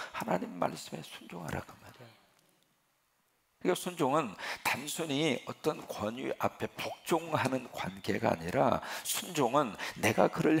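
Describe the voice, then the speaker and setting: A male pastor delivering a sermon, asking the congregation rhetorical questions in an animated preaching manner. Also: mid-range voice, gravelly.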